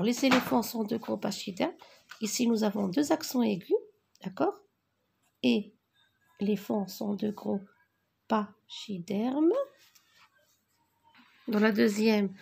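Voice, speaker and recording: A woman teacher going slowly through a spelling exercise, dictating words and naming each accent mark. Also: mid-range voice, creaky, darkish tone, slightly rough. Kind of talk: worksheet correction lesson.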